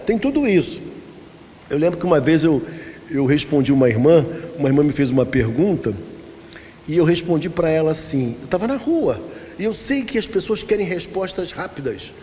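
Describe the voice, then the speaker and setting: A man's voice: fairly high pitch, very animated, normal speed, warm tone. A man with a Brazilian accent, a pastor giving a conversational Bible-study lesson, asking the congregation questions and telling anecdotes. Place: church hall. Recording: reverberant church hall with faint noise.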